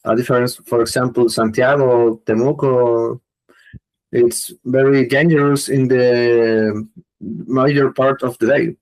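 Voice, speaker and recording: A man asks interview questions in English at a mid pitch. He speaks haltingly and often stops to search for the right words. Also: fairly even intonation, darkish tone, poor audio.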